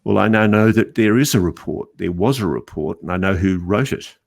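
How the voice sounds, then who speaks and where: A man, a journalist guest on a podcast interview, telling animated anecdotes. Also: lowish voice, a little fast, creaky. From Australia.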